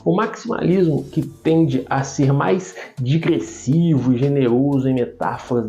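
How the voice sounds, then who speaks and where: Brazilian male online tutor, mellow and creaky, slight tongue-tie, didactic informal delivery over music. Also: a little high. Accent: Brazilian Portuguese. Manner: didactic, enumerating points. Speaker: YouTube writing tutor. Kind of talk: informal explanatory video lesson. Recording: dull lo-fi sound, music behind. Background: background music.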